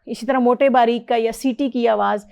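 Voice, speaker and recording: A woman's voice: on the high side, steady tone, darkish tone, dull audio. A middle-aged woman, teaching Quran reading and drilling letter sounds with a student. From Pakistan. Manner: patient, explanatory, models letter sounds clearly and praises.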